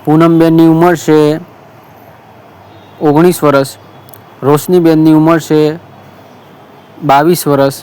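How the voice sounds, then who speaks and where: A man's voice: on the high side, darkish tone, smooth. Earnest Gujarati man fronting a marriage bureau appeal, repetitive storyteller, slightly raised voice. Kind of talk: casual monologue appeal.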